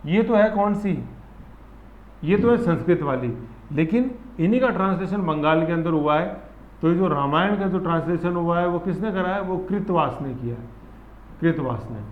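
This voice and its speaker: A man teaching an exam-prep class, lively and full of memory tricks, often checking that students follow. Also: on the high side, normal speed. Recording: roomy, dull lo-fi classroom sound.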